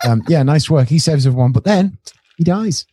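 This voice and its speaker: A man's voice: on the high side, lively intonation, brisk, warm tone, slight background noise. A man co-hosting a podcast, chatting casually and a bit ramblingly about a film. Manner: chatty, rambling, with small restarts. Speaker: podcast co-host reviewing a film.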